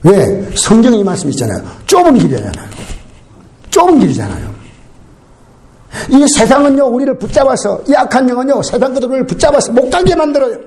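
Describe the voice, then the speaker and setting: A male pastor preaching a Sunday sermon in a church. He calls out to the congregation, asks them to repeat after him, and swings between emphatic lines and quiet asides. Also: extremely high pitch, quick pace, few pauses. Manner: animated, call-and-response with the congregation. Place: church sanctuary.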